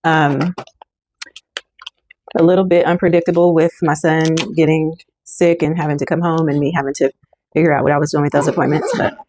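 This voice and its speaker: A woman speaks in a casual, effusive vlog style straight to her viewers. Her voice sits a little low. Clear background noise runs under the recording. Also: a little mellow. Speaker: notary vlogger. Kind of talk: casual vlog talk to camera. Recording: noisy background.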